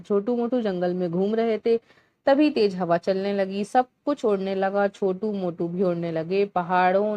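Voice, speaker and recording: A woman teacher slowly walking young children through a Hindi workbook lesson, sounding out syllables clearly one by one. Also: medium pitch, darkish tone, dry recording, dull audio. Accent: Indian Hindi.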